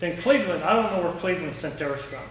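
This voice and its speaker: Speaking fast with lively intonation and a high-sitting voice, a man gives a folksy, anecdotal public talk and answers questions. He's a guest speaker who used to be an air traffic controller. The recording comes from a distant mic in an echoey room, with faint noise.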